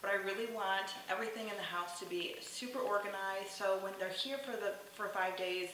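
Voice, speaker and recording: A woman in her thirties talks in a loose, rambling way, filling her sentences with "like" and "um". Her voice is bright and forward. She sounds a little far from the microphone, in a very echoey home kitchen with a faint hiss behind her. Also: medium pitch, steady tone, fairly quick. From New York state. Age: 30s. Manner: chatty, rambling, lots of "like" and "um". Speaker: lifestyle vlogger. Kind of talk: casual clean-with-me voice-over. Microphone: far camera.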